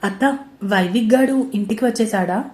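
A woman's voice: a little high, moderate pace, darkish tone, natural voice. Woman reading as a caring young man. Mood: gentle. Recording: roomy echo.

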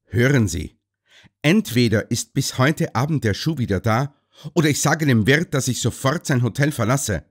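A man voicing an angry, indignant young gentleman who shouts in a broad country dialect. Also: on the low side, lively intonation, unhurried. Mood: furious.

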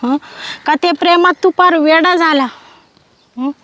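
A woman's voice: extremely high pitch, a little slow, fairly bright tone. An actress playing a married village woman tenderly scolding and consoling her heartbroken former lover in a Marathi comedy sketch. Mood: moved.

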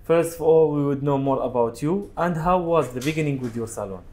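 A man's voice: fairly high pitch, a little mellow. A man hosting a TV business interview, asking questions in English and praising each answer with enthusiasm. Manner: upbeat, repeats "amazing", fast formal Arabic intros. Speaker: show host, interviewer.

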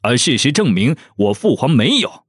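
A man voicing a composed young prince who speaks as envoy in forceful, measured, formal sentences. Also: medium pitch, sing-song, husky, no echo, clean studio sound. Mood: firm formal.

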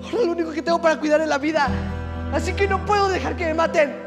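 A man's voice: extremely high pitch, very fast. A young male student actor playing a hunted, desperate man on the run from his killers, declaiming dramatically in a stage play rehearsal. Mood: haunted, desperate. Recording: reverberant hall with guitar music.

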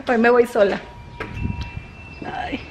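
A woman chatting casually in a family vlog, telling stories and laughing often. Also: a little high. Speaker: family vlogger. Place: at home, then in a car. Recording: noisy home video recording.

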